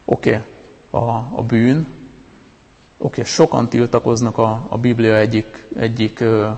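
A man's voice: medium pitch, level tone, a little mellow, long reverb tail. A man giving an informal, conversational sermon, stopping and restarting his sentences often. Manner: conversational, with many restarts and fillers. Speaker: preacher.

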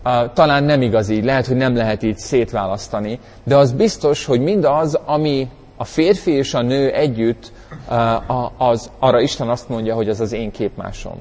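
A man's voice: medium pitch, a little mellow, big-room sound. A man teaching from the Bible in a conversational way, reflective, often searching for words, with bursts of dramatic emphasis. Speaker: preacher.

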